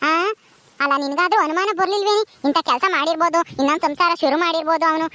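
Woman playing a deaf granny, shrill high voice, loud, scolding, village comedy. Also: steady tone, quick pace, dry recording. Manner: loud, repeats "ha?" as if hard of hearing. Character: deaf old village grandmother, scolding and talkative.

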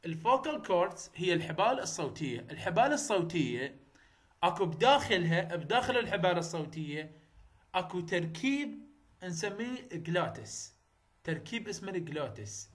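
Man, Iraqi Arabic accent, university lecturer, repetitive explaining, high pitch. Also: fairly bright tone. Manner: repetitive, checks understanding, mixes English terms into Arabic. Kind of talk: recorded phonetics lecture.

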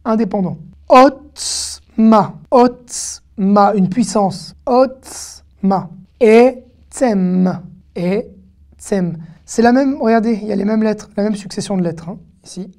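A woman's voice: mid-range voice, moderate pace, mellow. A woman giving an online language lesson as a teacher, patiently sounding out each word syllable by syllable and repeating it. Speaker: Hebrew teacher.

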